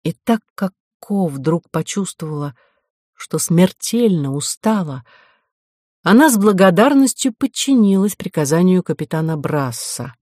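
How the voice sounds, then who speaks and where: Measured audiobook narrator, dry sound. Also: mid-range voice, expressive, darkish tone, no room sound. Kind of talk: audiobook reading of science fiction.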